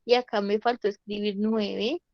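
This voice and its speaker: A woman's voice: mid-range voice, steady tone, moderate pace, dry recording, highs cut off. A woman, an English teacher explaining a lesson patiently and often checking that students follow. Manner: patient, repeats "¿listo?" to check understanding. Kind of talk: online class explanation.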